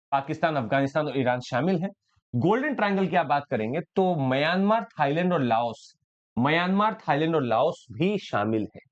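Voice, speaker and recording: A man's voice: a little high, lo-fi sound. A man with an Indian accent explaining the daily news to exam students, switching between Hindi and English and repeating key points. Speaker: current affairs teacher. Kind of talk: exam-prep news analysis lesson.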